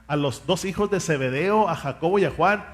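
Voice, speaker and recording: A man's voice: a little high, a little fast. A man, a pastor, preaching a sermon with fervent rhetorical questions and asking his congregation to repeat words after him.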